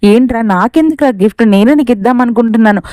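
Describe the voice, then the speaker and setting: A loving, anxious mother questions her son in a soap-opera recap, as a woman narrator reads her part. The voice is fairly high and brisk, with a warm, smooth tone. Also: dry recording, studio quality, lightly acted. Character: worried, loving middle-aged mother.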